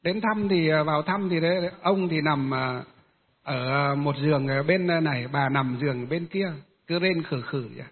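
A Buddhist monk telling a long story in a rambling, halting way, with many filler pauses. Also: male voice, a little high, breathy edge. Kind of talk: storytelling Dharma talk. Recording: tinny phone-like sound with long reverb.

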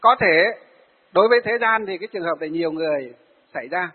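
A Buddhist monk, giving a sermon to lay followers and telling stories of them in a lively way. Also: male voice, a little high, fast, slightly rough. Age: 40s. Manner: storytelling, acts out the people he tells of. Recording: phone-like, hall reverb.

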